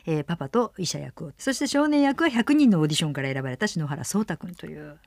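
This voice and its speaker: A woman's voice: deep voice, lively intonation, fast, a little mellow, no room sound, clean studio sound. A woman from Kansai hosting a radio interview, giving attentive backchannels. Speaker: radio host.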